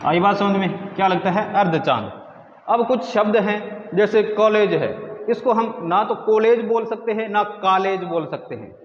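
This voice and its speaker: A man's voice: high voice, normal speed. A male Hindi grammar teacher giving a classroom lesson, asking questions and answering them himself, repeating key words. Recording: roomy lo-fi classroom recording, faint noise.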